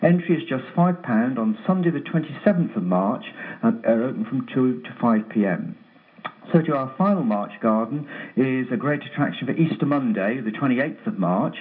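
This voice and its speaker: A man phoning into a radio show from a bare, freshly decorated room, his voice echoing as if in a tunnel while he briskly reads out a list of details. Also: mid-range voice, lively intonation. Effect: echoey sound like a tunnel, from a freshly decorated bare room. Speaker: regular garden events contributor. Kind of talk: phoning in to a radio show, reading a listings roundup. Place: newly decorated empty home office. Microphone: telephone. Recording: tinny phone line, echoey room.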